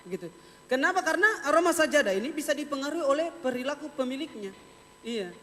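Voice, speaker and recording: A man's voice: very high voice, lively intonation, quick pace, fairly bright tone. A young man from Wakatobi, Southeast Sulawesi, performing a stand-up comedy set and telling playful stories full of mock dialogue. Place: stage in a hall before an audience. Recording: reverberant hall, faint noise.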